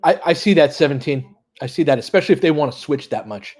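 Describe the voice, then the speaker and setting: Speaking fast, a man with a slightly high, darkish voice and lively intonation calls a live basketball game on his fan audio play-by-play stream. He analyses plays as they happen and chats casually with his listeners. He's conversational and informal and swears mildly.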